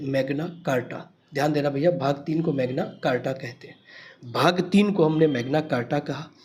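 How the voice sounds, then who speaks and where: A man with a fairly high-pitched, darkish voice explains quiz questions to exam students. He speaks emphatically, repeats key points, and addresses the students familiarly.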